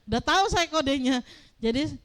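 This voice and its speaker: High-pitched lady pastor preaching, tells stories animated and acts out the voices. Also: normal speed. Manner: animated storytelling, acting out dialogue. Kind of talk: sermon.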